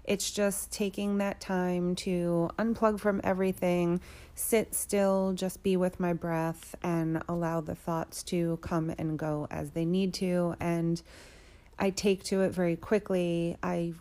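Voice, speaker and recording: A woman's voice: on the low side, level tone, takes it slowly, mellow. A woman hosting a solo podcast, talking casually and informally about her own life like a personal check-in. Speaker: podcast host.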